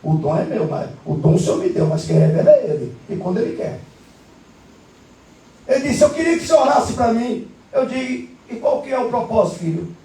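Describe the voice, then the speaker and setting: A man preaching a fervent sermon in a church, shouting and acting out the voices in his story. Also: extremely high pitch, sing-song, a little fast, gravelly, slight background noise. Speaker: pastor. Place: church sanctuary. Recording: echoey church from far mic.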